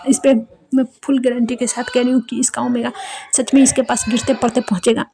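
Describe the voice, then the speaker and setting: A woman's voice: a little high, level tone, a little fast, vocal fry, warm tone, slight background noise. A woman narrating a fan story in a chatty, loose storytelling manner with fillers.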